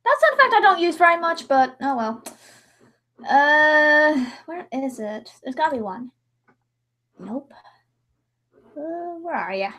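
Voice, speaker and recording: Her voice is high, expressive and fairly bright, delivered at a slow pace with long pauses. She's a livestream host and amateur voice-over editor chatting casually while she edits, rambling and theatrical, with sudden mock-dramatic outbursts.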